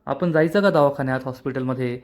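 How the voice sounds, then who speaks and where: A man voicing a young son who asks softly and with concern. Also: medium pitch, fast, close to an everyday voice. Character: young man, worried son, soft-spoken.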